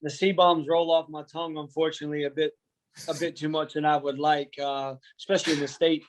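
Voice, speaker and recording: In a casual interview, a wrestling coach from the United States comes across as relaxed and jokey, dropping slang as he talks. His voice is a little high and level in tone, and he speaks a little fast. The audio quality is poor.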